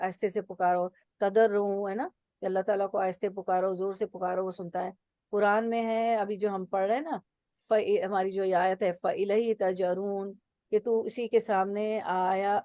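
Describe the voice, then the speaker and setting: A woman teaching a religious lesson, explaining slowly and repeating each word with its meaning. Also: medium pitch, mellow, no echo. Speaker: Quran teacher.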